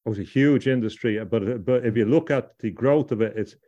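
A middle-aged man from Ireland speaks as a podcast guest in a mid-pitched voice, wandering from point to point and stumbling over repeated words as he restarts his sentences. The audio comes through dull and lo-fi. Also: a little fast, mellow. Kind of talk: discursive interview talk.

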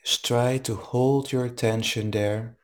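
Male meditation teacher, calm and soothing, very unhurried delivery, leaves space between short instructions. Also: medium pitch. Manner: slow, calm, soothing, with long pauses. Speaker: meditation teacher leading a live online session.

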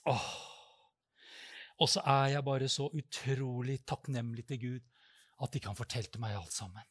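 A man preaching a sermon, telling stories and acting out prayers with loud, high-pitched cries. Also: steady tone, slightly rough, no echo, clean studio sound.

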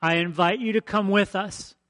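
A man's voice: high voice, steady tone, moderate pace, a bit bright, no echo. A man preaching a conversational sermon as pastor, emphatic and fond of repeating his phrases.

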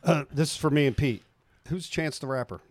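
A man's voice: on the high side, brisk. A man joining in casual banter with a group of friends.

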